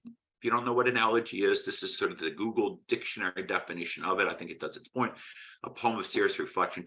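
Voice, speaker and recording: A man's voice: on the low side, sharp tone, poor audio. A man teaching a poetry lesson in a conversational way, often checking in with "right?" and restarting his phrases. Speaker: literature teacher. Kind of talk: recorded poetry lecture.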